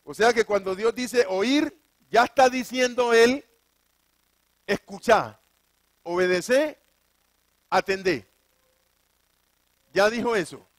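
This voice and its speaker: A man with a notably high voice delivers a sermon, firing rhetorical questions at the congregation and answering them himself. He leans on repetition to drive each point home. The sound is close and dry, with almost no room echo. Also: moderate pace. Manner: repeats key phrases for emphasis. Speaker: preacher. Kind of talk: sermon with scripture reading.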